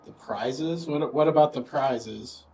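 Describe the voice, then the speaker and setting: An investigator in a casual ghost-hunt vlog, asking direct, informal questions in a husky voice. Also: mid-range voice, slow, warm tone, slight background noise, rough recording. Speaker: paranormal investigator.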